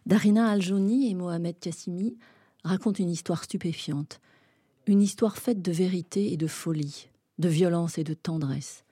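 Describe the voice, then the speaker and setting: A woman reading a novel excerpt aloud in a dramatic, intense way, rising to loud shouting in the heated passages. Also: on the low side, normal speed, slightly rough, dry recording, clean studio sound. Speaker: reader.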